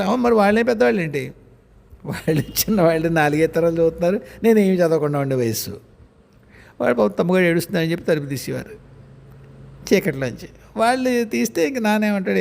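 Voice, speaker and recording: A man's voice: high-pitched, vocal fry, a little mellow. A man telling personal stories as a spiritual practitioner, in a conversational, reflective way, speaking directly to his listeners. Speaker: spiritual practitioner sharing experiences. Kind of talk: storytelling memoir talk. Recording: long reverberant room echo.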